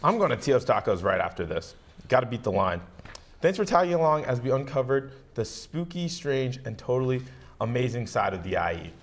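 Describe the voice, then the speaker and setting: A man's voice: medium pitch, sing-song, fairly quick. A young man co-hosting a student local news feature, reading a friendly script with light quips. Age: young adult.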